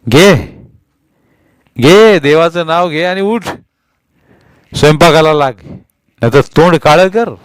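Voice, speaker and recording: A man voicing a harsh, angry middle-aged husband who shouts and scolds his wife, raising his voice high and loud. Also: normal speed, smooth, no echo, lightly acted. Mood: angry shouting.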